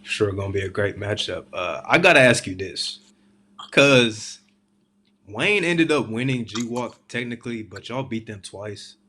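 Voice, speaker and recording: A man's voice: lowish voice, lively intonation, a little slow, sharp tone, slight background noise. A man hosting a sports talk show, chatting with a player in an informal, slangy way. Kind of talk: casual sports interview.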